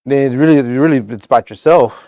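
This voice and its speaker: A man's voice: medium pitch, quick pace, dark tone, no room sound, highs cut off. A man co-hosting a casual podcast discussion, rambling loosely and filling his talk with "like" and "you know". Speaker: podcast co-host.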